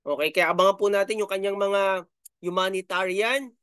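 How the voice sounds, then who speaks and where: A middle-aged man from the Philippines hosts a YouTube channel in a high-pitched, steady voice that's fairly bright, clear and resonant, talking at normal speed. His casual commentary is chatty and filler-heavy, peppered with "no?" and "di ba?". Studio quality, no room sound.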